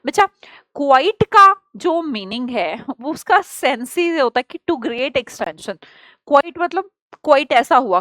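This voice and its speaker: A woman with an Indian accent gives an exam-prep grammar lesson in a high, bright-pitched voice. She explains with lively rhetorical questions and calls her students "child". The sound is close and dry, with no room echo. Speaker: teacher.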